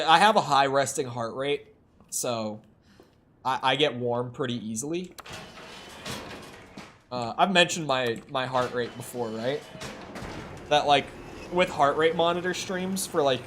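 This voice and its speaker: There's a little hiss or hum on the streaming desk mic as a young man chats casually at home while playing a horror game. His medium-pitched voice is a bit bright, and his talk is rambling and self-deprecating, with lots of restarts.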